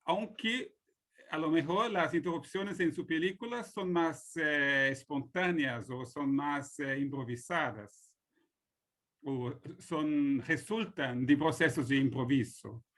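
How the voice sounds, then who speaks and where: German accent guy at an academic panel, slowish, kinda higher voice, keeps searching for words. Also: fairly bright tone. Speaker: panel speaker at academic colloquium. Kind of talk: academic discussion, switching between Spanish and Portuguese.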